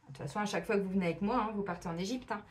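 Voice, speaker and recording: A middle-aged woman doing a casual oracle card reading, chatty and animated, acting out little imagined dialogues. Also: mid-range voice, racing, a little hiss or hum. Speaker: tarot and oracle card reader.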